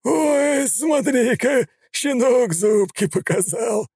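Fat mocking mobster, high drawl, slow sneer, dry close sound. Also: male voice, expressive, creaky, dark tone, breathy edge, no echo, full character voice. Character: fat sneering male gangster boss, mocking.

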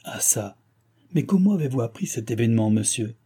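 A man's voice: medium pitch, lively intonation, fairly quick, warm tone, husky. A man voicing an aging, evasive king in an audiobook, exclaiming in exasperation. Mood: exasperated. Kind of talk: audiobook reading.

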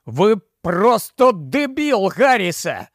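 A man's voice: on the high side, lively intonation, a little slow, dry recording, clean studio sound. A man voicing an irate, blunt scientist who scolds the council. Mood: furious. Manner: angry, blunt.

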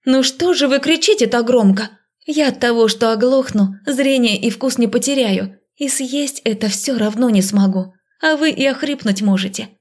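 A woman's voice: on the high side, unhurried, darkish tone, husky. A woman voicing a stubborn, cheeky young witch who mocks and defies. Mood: mocking. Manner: mocking, defiant.

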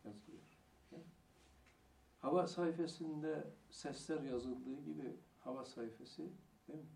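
A man giving a religious lecture, asking rhetorical questions and answering them himself, and stressing single words slowly. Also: fairly high pitch, gravelly, a little mellow. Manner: slow, deliberate emphasis on single words. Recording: echoey room, mic far off, faint hiss.

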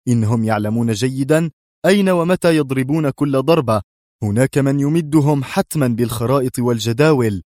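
In an audiobook thriller, a man with a lowish, slightly mellow, natural voice plays a stern, commanding male defense secretary who speaks curtly and severely. His pace is brisk, and the sound is clean studio audio with no room tone.

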